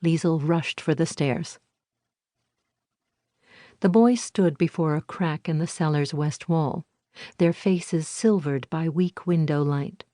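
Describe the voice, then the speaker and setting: A woman narrating an audiobook with a slightly low, measured voice. She reads with calm, even storytelling. The recording is close-miked and dry. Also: no echo. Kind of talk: scripted narration. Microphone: close studio mic.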